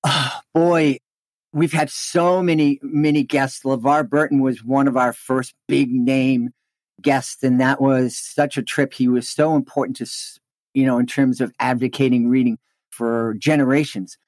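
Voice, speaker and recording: A man's voice: medium pitch, level tone, measured pace, a little mellow, no room sound. A man with an American accent talking as a podcast guest, telling anecdotes conversationally and acting out quotes. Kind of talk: conversational interview storytelling.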